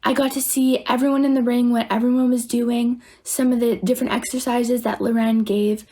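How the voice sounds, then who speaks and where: A woman with a fairly high voice describes what she saw as an onlooker. Her delivery is an informal personal recap. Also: little pitch movement, moderate pace, mellow. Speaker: clinic spectator.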